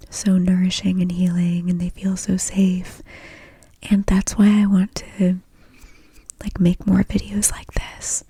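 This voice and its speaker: A woman whispers softly in an ASMR style, her voice very airy and mellow. Her pitch barely moves as she confides casually, drifting from thought to thought. The sound is close and dry, with a gentle, intimate delivery. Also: no echo. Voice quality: soft, breathy whisper. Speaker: host of an ASMR podcast. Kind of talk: whispered ASMR, casual stream-of-consciousness talk.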